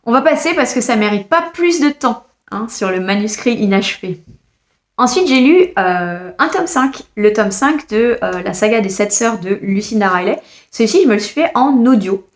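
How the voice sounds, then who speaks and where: A woman giving a casual, expressive review of her monthly reads, exasperated at times and speaking straight to the author. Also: a little high, moderate pace. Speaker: book reviewer.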